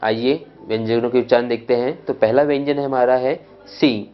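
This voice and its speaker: A man teaching English pronunciation, reading out word lists one by one and often checking "clear?" with his students. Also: mid-range voice, fairly even intonation, normal speed, highs cut off, soft background music. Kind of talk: pronunciation lesson.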